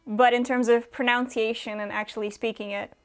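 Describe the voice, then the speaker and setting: A young Romanian woman, a booktuber, chats casually while answering viewer questions, filling her speech with fillers and little laughs. Her voice sits on the high side, with a level tone and a smooth, fairly quick delivery.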